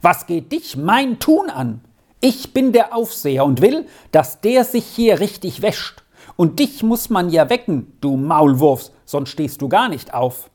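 An audiobook reader voicing a hot-tempered older schoolboy bully who shouts and threatens. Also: sits high, lively intonation, slow pace, pitched above the performer's own voice, exaggerated voice. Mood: shouting furiously. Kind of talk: audiobook reading.

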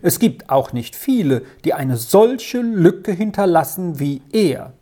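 A woman's voice: on the low side, very animated, slow pace, full character voice. A woman voicing a kind, talkative farm wife and mother in a storybook reading. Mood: kindly. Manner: warm-hearted, chatty.

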